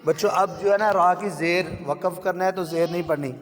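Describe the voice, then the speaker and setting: A man teaching children Quran recitation. He chants each word slowly, then explains in quick bursts. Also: sits high, fairly even intonation, long reverb tail, heavy background noise.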